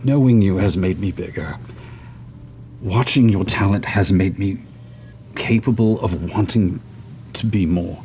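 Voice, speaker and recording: A man playing a created male stage character in a tabletop game, speaking in an earnest, halting way. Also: deep voice, warm tone, slight background noise. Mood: tender, yearning. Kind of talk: tabletop role-play in character.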